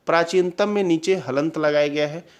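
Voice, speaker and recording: Male exam tutor, slightly high voice, drilling style with constant check-ins. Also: moderate pace. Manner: drills answers with repeated questions and "clear?" checks. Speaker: exam-prep teacher. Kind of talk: Hindi spelling lesson.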